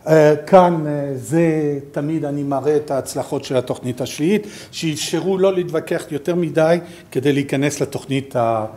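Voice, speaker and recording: Halting French-accented man, slightly high voice. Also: warm tone. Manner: halting, searching for words. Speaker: programme director presenting to researchers. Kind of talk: informal slide presentation.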